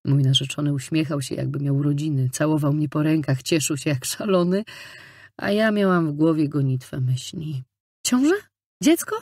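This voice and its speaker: A young adult woman narrating a first-person novel as an audiobook, lively and a little ironic. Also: sits low, normal speed, husky, no echo, studio quality.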